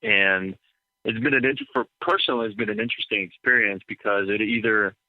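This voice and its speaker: A man's voice: fairly low pitch, fairly quick, dry recording. A man, a DJ and entrepreneur, talking casually as a podcast guest, rambling with many fillers and repeated words. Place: in Atlanta. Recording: thin phone-like sound.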